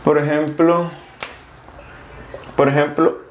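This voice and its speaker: A man's voice: fairly high pitch, little pitch movement, slow, echoey room, a little hiss or hum. A man teaching a casual video lesson, explaining grammar rules step by step and spelling out letters. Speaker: French teacher.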